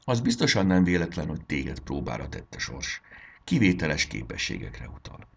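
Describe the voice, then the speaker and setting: A man voicing a kind, wise fairy queen in a children's storybook, speaking gently and reassuringly. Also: very deep voice, wildly swooping pitch, vocal fry, breathy edge, full character voice. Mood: gentle.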